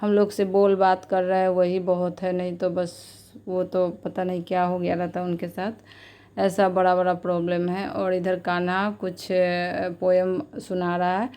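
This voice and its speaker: Female vlogger in her thirties, casual and repetitive, speaks in a flat, even tone. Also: lowish voice, measured pace, clean tone. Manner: chatty, repetitive, heartfelt. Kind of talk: casual vlog narration.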